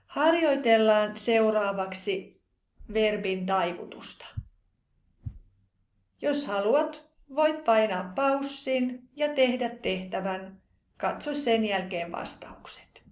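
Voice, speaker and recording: A woman teaching a language lesson, slowly and deliberately pronouncing verb forms one by one in a scripted grammar drill. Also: mid-range voice, expressive.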